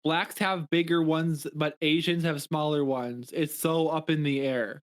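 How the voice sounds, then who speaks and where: A man's voice: fairly high pitch, steady tone, unhurried, dry recording. A young man co-hosting a podcast in casual chat, rambling and crude, with many restarts and swearing. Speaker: podcast co-host.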